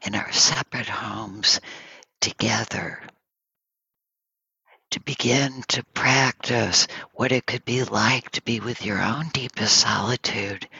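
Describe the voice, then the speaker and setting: Male meditation teacher, breathy half-whisper with a bright tone, dry close sound, slow pauses between phrases. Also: on the low side, no echo, muffled recording. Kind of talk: gentle guided dharma talk. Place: home, over an online session.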